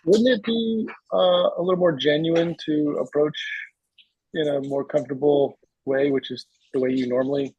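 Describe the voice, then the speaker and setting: A man's voice: fairly high pitch, steady tone, normal speed, a little mellow, husky, no echo, lo-fi sound. A man in the class asking a skeptical question. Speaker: student.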